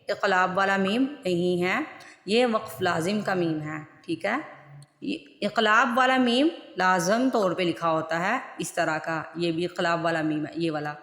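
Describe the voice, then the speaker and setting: A woman teaching a Quran recitation lesson, who repeats each rule and keeps putting questions to her viewers. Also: lowish voice. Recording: echoey room with long reverb.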